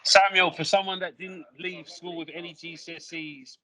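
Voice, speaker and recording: A man's voice: high-pitched, fairly even intonation, normal speed, bright, forceful tone, rough recording. A man hosting a panel on a video call, speaking in an emphatic, motivational way and often repeating himself for effect. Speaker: host. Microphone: video call mic.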